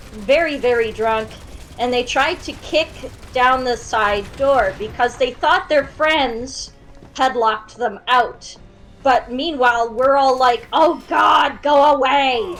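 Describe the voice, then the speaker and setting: A woman's voice: a little high, low-quality recording. A Canadian woman chatting casually while playing a video game, telling stories and laughing. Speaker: game streamer. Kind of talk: casual gaming chat.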